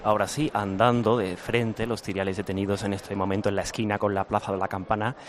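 A man gives live commentary from a city street, speaking in an even, level voice with little rise and fall. He describes the procession steadily and catches himself with small restarts as he goes. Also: lowish voice, quick pace, slight background noise. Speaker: field reporter.

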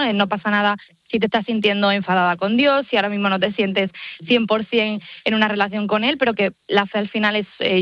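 Fast-talking young woman, lo-fi line. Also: medium pitch, no room sound. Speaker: digital missionary guest. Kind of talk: phone-in radio interview. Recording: slightly dull lo-fi line.

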